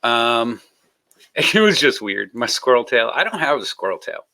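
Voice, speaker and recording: A man hosts a live stream in loose, rambling talk, often breaking into laughter. His voice sounds bright and open. He jokes his way through greeting his guests. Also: mid-range voice, very animated, a little slow. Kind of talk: casual live stream chat.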